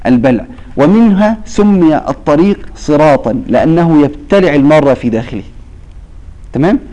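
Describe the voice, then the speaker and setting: A man's voice: fairly high pitch, animated, warm tone, muffled recording. A man with an Egyptian accent who teaches Quran recitation to a class. He keeps asking his students to fill in the word he is about to say, and he draws out the verses he recites. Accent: Egyptian Arabic. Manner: quizzes students with fill-in-the-blank questions; slow, drawn-out recitation of verses. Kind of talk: classroom lesson.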